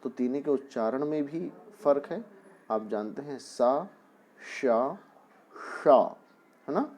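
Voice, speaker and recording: A man's voice: medium pitch, animated, a little slow, darkish tone, slight background noise. A man teaching a Hindi spelling lesson to young pupils, patient and explaining step by step with repeated examples. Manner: often asks the class "है ना".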